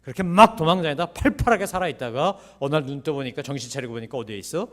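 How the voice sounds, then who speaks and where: A man speaks fast as he preaches, acting as pastor; he throws out rhetorical questions and suddenly bursts out loud and high.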